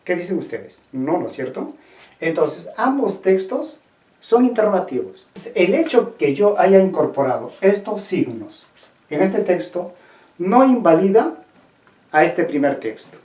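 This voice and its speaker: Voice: mid-range voice, sing-song, unhurried, a little mellow. A teacher giving a language lesson, asking the class questions and repeating the key points. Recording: roomy echo.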